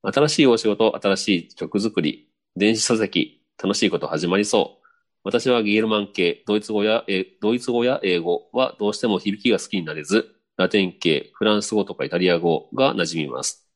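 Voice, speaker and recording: A man's voice: fairly low pitch, normal speed. A man hosting a podcast, reading listener messages aloud and chatting casually, often chuckling and answering with short "un" sounds. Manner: relaxed, chatty, frequent laughter and back-channel "un". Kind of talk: casual chat.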